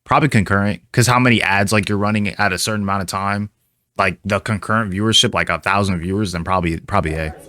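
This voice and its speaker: A man with a fairly low, bright, forceful voice chats through his reaction on a stream. He thinks aloud with many fillers, recorded dry and close. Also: fairly even intonation, quick pace, dry recording. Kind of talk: casual reaction commentary.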